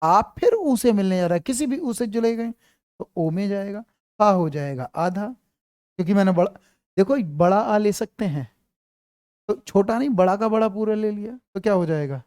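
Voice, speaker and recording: A man's voice: high voice, expressive, moderate pace, a little mellow, no room sound, clean studio sound. A man teaching an online grammar class, quizzing his students and repeating his questions.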